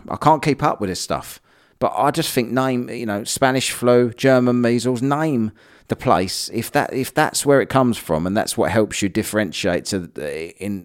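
Solo podcast host, man with a lowish voice, blunt and sweary. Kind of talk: casual solo commentary.

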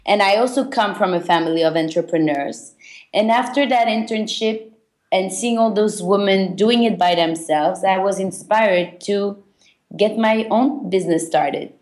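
A woman from Belgium, a guest on a podcast interview, speaking reflectively and haltingly with many fillers. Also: mid-range voice, a little mellow, reverberant.

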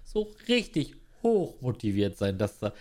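A man's voice: mid-range voice, very animated, unhurried, a little mellow. A man on a casual podcast, blunt and slangy, ranting sarcastically with restarts and emphatic swearing. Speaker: podcast co-host. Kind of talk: casual chat.

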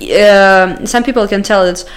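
A woman's voice: medium pitch, steady tone, measured pace. A woman from Russia, a native Russian speaker with a Russian accent, chatting casually in English and hesitantly searching for words. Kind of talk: casual English conversation practice.

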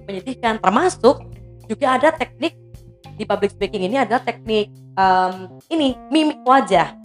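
A woman guest on a podcast chat, explaining speaking techniques in a relaxed, explanatory way and breaking into short demonstrations. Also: a little high, moderate pace, faint music behind. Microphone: podcast mic.

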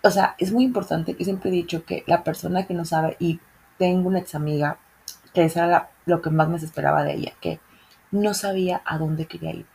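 A woman's voice: lowish voice, fairly even intonation, a little fast, gravelly, a little mellow, breathy edge. A young woman from northern Mexico with a northern Mexican accent, hosting a casual solo podcast in a chatty, slangy way. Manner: chatty, slangy, swears freely. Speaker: podcast host.

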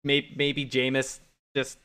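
Bright-voiced man talking football bets. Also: medium pitch, slow, clear, resonant tone. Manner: animated, acts out quotes in raised voice. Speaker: podcast co-host. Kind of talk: casual sports betting chat.

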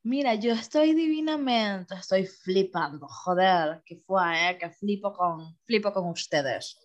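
A woman's voice: medium pitch, expressive, muffled recording. A woman co-hosting a podcast, joking and giggling often. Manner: giggly, joking, drawn-out words. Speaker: podcast co-host. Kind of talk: casual chat.

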